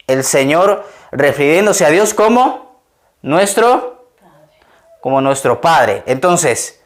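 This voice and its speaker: Male pastor, conversational sermon, quizzes the congregation. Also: fairly high pitch. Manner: conversational, asks the congregation questions; laughs often while telling stories.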